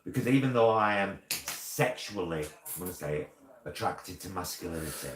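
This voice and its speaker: A man's voice: sits low, expressive, normal speed. A British man chatting casually as host of a live stream, in the campy, theatrical, endearing manner of a drag queen. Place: indoor room, live make-up stream. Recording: roomy echo, clear background noise.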